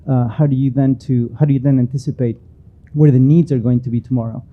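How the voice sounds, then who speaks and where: Man panelist, halting with fillers. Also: mid-range voice, steady tone, phone-quality sound. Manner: hesitant, many "uh" fillers. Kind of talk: panel discussion.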